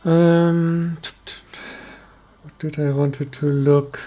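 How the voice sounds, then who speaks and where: A man with a German accent giving tired, slow let's play commentary, thinking aloud with many pauses and ums. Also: fairly high pitch, little pitch movement, warm tone, lo-fi sound, faint music behind. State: tired, yawning. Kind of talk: relaxed gameplay commentary.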